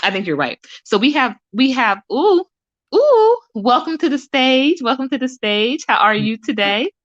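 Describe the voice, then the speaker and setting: A woman's voice: sits high, big pitch swings, normal speed, no room sound. A woman hosting a casual live audio chat, talking in a rambling way with many fillers. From Bahamas. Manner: chatty, rambling with frequent fillers. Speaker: host. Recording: dull, dry lo-fi sound.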